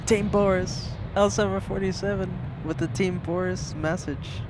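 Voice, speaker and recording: A man's voice: sits high, fairly even intonation, moderate pace. A man hosting a casual plane-spotting livestream, chatting and exclaiming as he comments and reads viewer messages aloud. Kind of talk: casual live commentary and chat. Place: outdoors by an airport. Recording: outdoor airport noise, aircraft and vehicles. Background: aircraft and vehicle noise.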